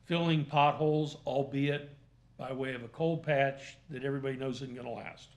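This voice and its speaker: A man speaking as a magistrate at a formal hearing, questioning and ruling in deliberate, halting, formal phrases. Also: mid-range voice, steady tone. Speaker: magistrate presiding over a hearing.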